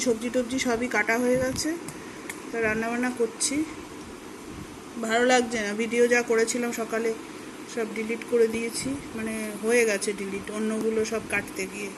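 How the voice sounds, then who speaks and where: A woman chatting to her viewers while cooking at home, speaking softly at times. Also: a little high, reverberant, noisy background. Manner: speaks softly so as not to wake the household. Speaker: vlogger. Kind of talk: casual home vlog narration. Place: home kitchen.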